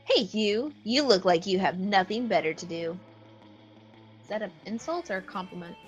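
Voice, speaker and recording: A woman playing a crude teenage demon boy from a monster dating game, all swagger and quick to take offense. The voice swings up and down freely around a mid-height pitch. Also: lively intonation, lo-fi sound, faint music behind, lightly acted. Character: brash teenage male demon, crude and touchy.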